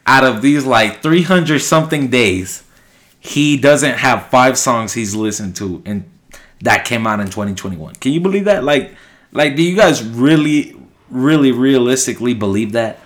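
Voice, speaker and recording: A man's voice: mid-range voice, animated, normal speed. A young man co-hosting a podcast in casual chat, talking like a slangy, crude frat bro. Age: young adult. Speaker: podcast co-host.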